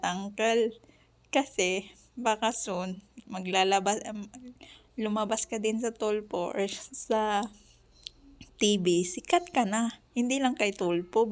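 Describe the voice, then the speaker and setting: A chatty woman with an Ilonggo accent recounts a conversation in a relaxed vlog, laughing often as she goes. She talks while chopping onions in her kitchen. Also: medium pitch, a little slow, pauses often. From Western Visayas, Philippines. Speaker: vlogger. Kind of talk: casual storytelling vlog.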